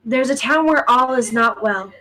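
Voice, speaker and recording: A woman voicing a solemn, mystical fortune-teller in a tabletop game, speaking slowly and theatrically of destinies. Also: fairly high pitch, sharp tone, faint music behind, poor audio. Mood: ominous. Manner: slow, portentous, theatrical. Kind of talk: tabletop role-play acting.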